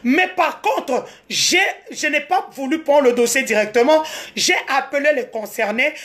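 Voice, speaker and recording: High-voiced Congolese woman streaming live. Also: a little slow. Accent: Congolese French. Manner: animated, switching between French and Lingala. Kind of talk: casual live-stream storytelling.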